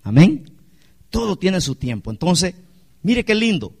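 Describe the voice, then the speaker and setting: A man's voice: high voice, big pitch swings, measured pace, vocal fry, darkish tone, breathy edge. A male pastor, preaching a sermon with rhetorical questions to his congregation.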